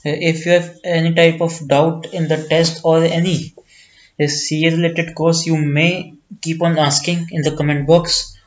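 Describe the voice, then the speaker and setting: A man with an Indian accent teaching accounts, working step by step through an exam problem and deliberately repeating phrases. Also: a little high, level tone, muffled recording.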